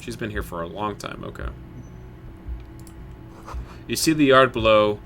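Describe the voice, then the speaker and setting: A man streaming a video game, reading its story aloud with playful quick asides. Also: lowish voice, background noise.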